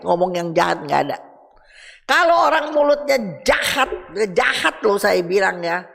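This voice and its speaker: A woman with a mid-range, creaky, slightly bright voice gives a casual Bible study talk in a reverberant hall. She's chatty, speaks straight to her listeners, and reads verses aloud.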